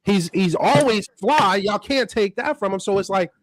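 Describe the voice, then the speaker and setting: A man's voice: sits high, animated, moderate pace. A man, a small business owner talking casually and slangily on a podcast. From Boston, USA. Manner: streetwise, slangy, acts out others' voices.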